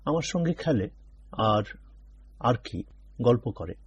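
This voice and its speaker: A man's voice: mid-range voice, big pitch swings, slow, slightly rough, dull audio, full character voice. A man voicing a childlike, simple-minded young woman who answers in plain short replies. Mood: shy childlike.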